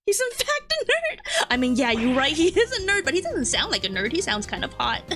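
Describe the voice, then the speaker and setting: A woman's voice: high voice, wildly swooping pitch, fairly quick. A woman streaming a game, chatting casually and reacting aloud in an exclamatory, giggly way. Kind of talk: casual gaming commentary. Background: faint game music.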